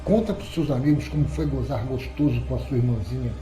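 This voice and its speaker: Brief: mocking scheming young woman read by a man, mellow low tone, roomy sound. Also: brisk, soft background music, natural voice. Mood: taunting. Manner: mocking, venomous. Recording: roomy echoey recording.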